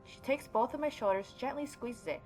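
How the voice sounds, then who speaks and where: A woman gaming YouTuber reading a story game aloud and adding expressive, mocking asides. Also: on the high side, brisk, soft background music. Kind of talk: let's-play reading aloud with reaction commentary.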